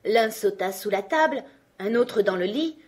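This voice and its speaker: A woman narrating a fairy tale for a children's audiobook, in an expressive, clear storytelling way. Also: mid-range voice, measured pace.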